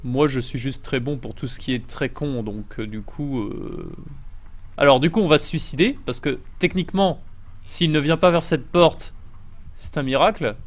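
A man's voice: mid-range voice, moderate pace. A man commenting his own video game session in a playful, joking way, slipping into silly put-on accents. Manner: jokey, trying silly accents. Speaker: gamer streamer.

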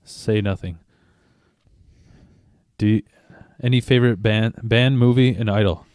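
A man's voice: lowish voice, measured pace, darkish tone, dry recording, studio quality. A man hosting a podcast, asking friendly questions with frequent stumbles, at a table in a small room on a desk mic. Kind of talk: casual interview chat. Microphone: desk mic on a boom.

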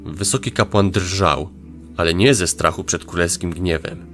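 Deep-voiced male fantasy narrator. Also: measured pace, a bit bright. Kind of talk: audio drama narration. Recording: narration over faint music.

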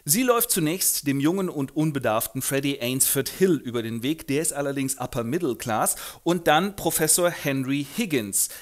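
A man, host of the show, giving a comedic literature summary in an ironic, animated storytelling manner. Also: on the high side.

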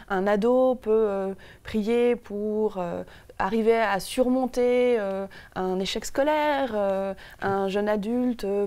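Her voice is mid-range and a little mellow. Interviewed as a guest on a TV studio set, this young woman from France talks thoughtfully into a lapel mic, often hesitating and starting her sentences over.

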